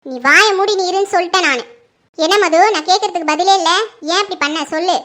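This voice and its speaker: Playing an enraged middle-aged mother in a home-made family skit, the performer hurls sharp, suspicious accusations at her daughter. The voice is very high, fast and sharp-edged, angry and scolding throughout.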